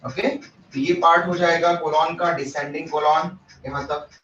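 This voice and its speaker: A man's voice: on the high side, fairly even intonation, a little slow, a bit bright, a little hiss or hum. A man teaching a biology class in a classroom, explaining step by step, asking his students questions and mixing English terms into his Hindi. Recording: echoey room, distant mic, muffled.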